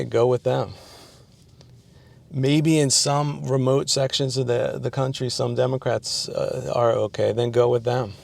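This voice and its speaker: Gravelly, halting man ranting to camera. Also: medium pitch, a little mellow. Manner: rambling, halting, many fillers and restarts. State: losing his voice, clearing throat. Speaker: channel host. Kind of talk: rambling political monologue.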